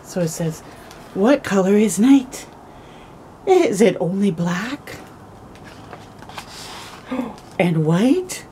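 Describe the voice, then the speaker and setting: This clip, recorded on a close camera with slight hiss or hum, features a middle-aged woman leading a children's storytime in a porch or yard at early morning. She reads a picture book aloud in a mid-range voice, expressively and slowly. Little asides, gasps, and drawn-out words fill her telling.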